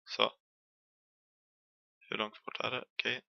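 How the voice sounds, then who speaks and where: A man's voice: no room sound, dull audio. A young man with a Swedish accent giving chatty, jokey commentary while playing a horror game, yelping when chased. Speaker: gaming streamer.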